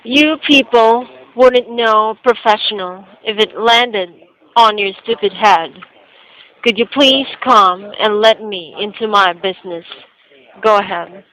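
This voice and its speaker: A woman working as a relay operator, reading typed messages aloud in a flat, scripted way. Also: medium pitch, takes it slowly, low-quality recording. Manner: flat, scripted reading, even when the words are rude.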